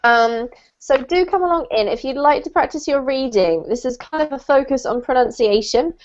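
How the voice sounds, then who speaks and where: A woman's voice: high-pitched, expressive, normal speed, lo-fi sound. A woman teaching a live online English class, chatty and speaking straight to her students over a video call.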